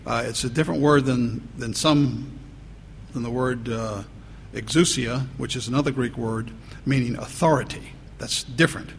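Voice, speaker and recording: Preaching at a moderate pace in a mid-range, creaky voice, this pastor keeps his sermon conversational and leans on repeated phrases for emphasis. Long church reverb and faint noise fill the recording.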